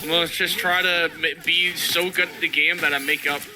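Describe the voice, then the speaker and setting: A man's voice: a little high, flat delivery, moderate pace, background noise. A man with a Southern US accent, a streamer chatting casually and bluntly while he plays, swearing freely, with faint game music behind. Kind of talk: casual chat while gaming.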